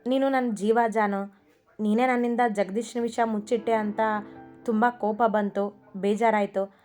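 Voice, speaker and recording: A devoted young husband begs forgiveness in a low, warm murmur, voiced by a woman narrating the story. His pleading stays even and unhurried in tone, with little rise and fall. Faint instrumental music sits beneath the storybook reading. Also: natural voice. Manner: pleading, affectionate, apologetic. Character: loving young husband, tender and remorseful.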